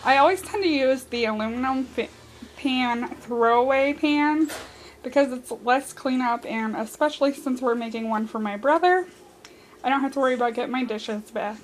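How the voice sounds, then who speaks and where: A woman's voice: high voice, unhurried, low-quality recording. A young woman giving casual step-by-step cooking instructions in a home kitchen, her voice a little worn. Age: young adult. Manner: chatty, step-by-step instructions to viewers. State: losing her voice. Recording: cooking and dish noise in the background.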